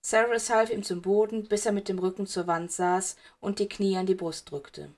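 A woman reading fan fiction aloud in steady, even storytelling narration. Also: mid-range voice, moderate pace. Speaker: audiobook reader.

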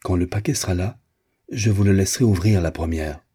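A man reading the lines of a kind, gentle young woman who consoles a friend. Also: deep voice, fairly quick, husky.

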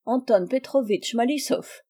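A woman reading aloud, voicing a suave, courteous male diplomat who speaks gently. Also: fairly high pitch, measured pace, voice pushed up. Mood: formal.

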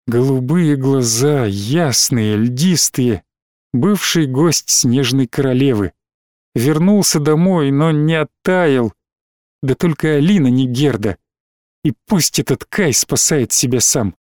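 A man reading a story aloud in a measured, expressive way. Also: fairly high pitch, no echo, studio quality. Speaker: narrator. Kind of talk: scripted audiobook narration.

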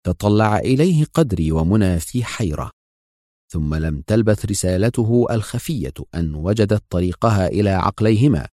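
A man narrating an adventure novel in a measured, storytelling manner. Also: lowish voice, animated, dark tone, no echo, clean studio sound. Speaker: audiobook narrator.

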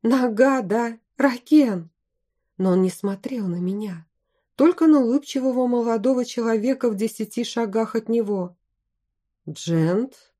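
A woman narrating a first-person fantasy audiobook in an even storytelling manner. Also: fairly high pitch, fairly quick.

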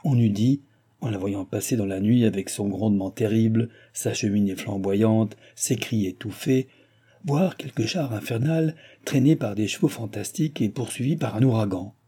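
A man reading a classic novel aloud as an audiobook narrator, in a steady dramatic way. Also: fairly low pitch, moderate pace, slightly rough. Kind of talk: scripted narration.

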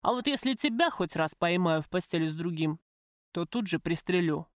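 A coarse, possessive crime boss of middle age, as a woman reader puts him on, voiced a little lower and heavier than her own tone. He talks crudely, wheedles his lover one moment and threatens her the next. A dry, close audiobook sound. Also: lively intonation, moderate pace, no room sound, lightly acted. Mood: menacing. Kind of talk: audiobook character voice.

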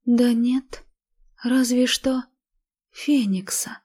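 A woman voicing a listless, melancholy fifteen-year-old village girl who speaks flatly and half in a whisper, in a storybook reading. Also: a little high, extremely slow, breathy edge, voice pushed up, heavily acted. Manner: flat, emotionless, half-whispered.

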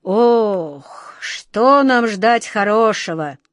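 A woman's voice: medium pitch, expressive, very slow, no echo, studio quality. A woman voicing Aunt Okh, a fretful elderly woman in a fairy tale, muttering and sighing. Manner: muttering, fretful, drops to a whisper.

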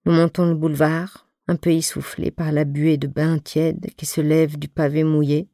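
A woman giving a measured, first-person reading of a literary novel as an audiobook reader. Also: sits low, flat delivery, warm tone, no room sound, clean studio sound.

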